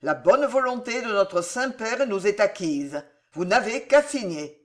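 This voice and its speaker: A woman voicing a cold, ruthless old nobleman who speaks in measured, unhurried tones in an audiobook reading. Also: medium pitch, expressive, lightly acted. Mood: cold menace.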